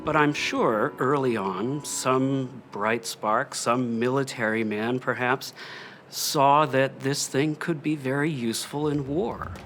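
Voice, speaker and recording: A man's voice: mid-range voice, slow, a bit bright, soft background music. Middle-aged male expert in documentary interview. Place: indoors in a book-lined room.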